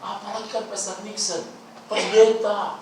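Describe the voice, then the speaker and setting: A man preaching a sermon as pastor, animated and playful, jumping between loud bursts and quiet asides. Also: high voice, unhurried, a little hiss or hum. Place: large church hall. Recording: echoey church hall, mic far off.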